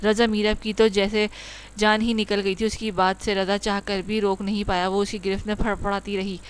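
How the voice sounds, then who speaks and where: A woman narrating a romance audio novel in a steady, even reading voice. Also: mid-range voice, clean tone.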